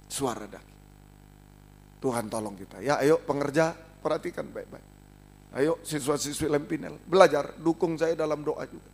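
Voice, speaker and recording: A middle-aged male pastor preaching a sermon, with emphatic swings from loud exclamations to quiet asides. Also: on the high side, slight background noise.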